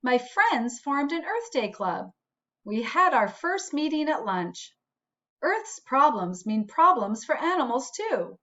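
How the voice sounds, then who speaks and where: Her fairly high voice has a sing-song, sharp tone as she reads to young children at a slow pace, principal-style, with expressive swings in each sentence and occasional asides. The teacherly phrasing is clear, though the recording is a bit dull.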